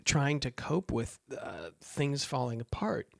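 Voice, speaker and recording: A man co-hosting a casual film podcast, talking in an animated, sarcastic way and often slipping into mock quotes. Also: medium pitch, unhurried, creaky, no room sound, clean studio sound. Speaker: podcast co-host.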